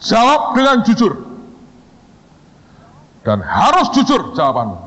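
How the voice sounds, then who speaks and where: A man voicing a stern, towering male school founder who questions slowly and firmly. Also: sits high, huge pitch swings, a bit bright, voice pushed up, exaggerated voice. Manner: slow, probing, stern questioning. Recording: muffled echoey hall recording.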